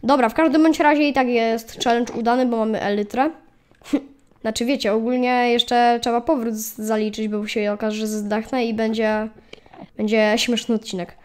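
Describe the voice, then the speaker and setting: A woman's voice: fairly high pitch, fairly even intonation, moderate pace, darkish tone, clear, resonant tone. Chatty woman narrating her gameplay. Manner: chatty, talks to viewers and mobs, yelps when attacked. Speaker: gaming channel host. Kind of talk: casual let's play commentary.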